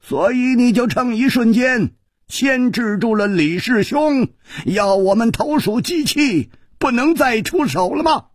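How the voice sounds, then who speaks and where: A man's voice: extremely high pitch, animated, measured pace, slightly rough, no echo, clean studio sound, voice pushed up, full character voice. A man voicing a tall, stern old martial artist who speaks in an accusing tone. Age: older.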